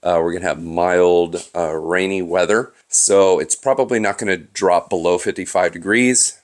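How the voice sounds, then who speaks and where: Stuffy low-voiced man with a cold. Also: normal speed. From Southern California. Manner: relaxed, explanatory, with frequent "uh" fillers. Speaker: lawn care vlogger. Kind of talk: casual vlog narration.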